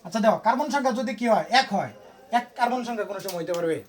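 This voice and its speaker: A man's voice: high voice, expressive, fast talker. A man, tutoring students in an informal lesson and quizzing them with constant questions. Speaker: private tutor.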